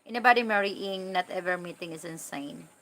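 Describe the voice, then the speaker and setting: Talking fairly quickly, this woman from the Philippines replies to livestream chat in a candid, informal way, addressing viewers directly. She has a lowish, fairly bright voice and a Filipino accent.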